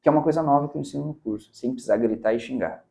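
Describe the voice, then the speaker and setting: A Brazilian man speaks emphatically in a casual interview while mentoring on public speaking, frequently tagging his points with "cara" and "né." His medium-pitched voice is mellow, with vocal fry, and he talks in a rapid-fire rush. He has a Brazilian Portuguese accent.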